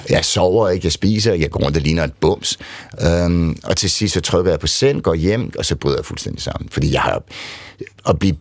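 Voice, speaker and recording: Interview guest: middle-aged man, low voice, candid and rambling, dry close mic. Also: expressive, no room sound. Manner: candid, rambling, frequent "ikke?" tags. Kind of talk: conversational storytelling.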